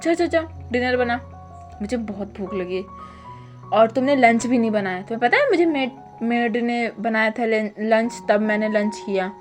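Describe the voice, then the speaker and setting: A shameless young husband who teases and bosses his partner around, as a woman puts him on while retelling a story. The voice sits fairly high, and the delivery is mocking and sure of itself. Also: normal speed, soft background music, lightly acted. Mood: teasing. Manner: bossy, mocking drawl. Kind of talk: casual storytelling with voiced lines.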